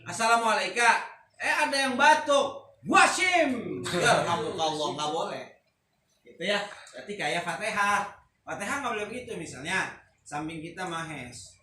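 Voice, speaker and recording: A man's voice: high voice, measured pace. A man teaching a casual religious lesson, joking and dropping into Arabic recitation with slangy asides. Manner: relaxed, joking, mixes Arabic recitation with Jakarta-style slang. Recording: echoey room, distant mic, faint noise.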